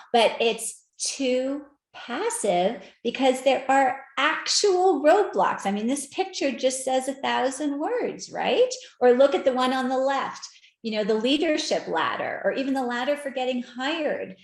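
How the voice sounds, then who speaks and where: A woman giving a conference talk with slides, animated and conversational, often asking the audience direct questions. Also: high voice, echoey room. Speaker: speaker at an equity research event. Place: virtual event.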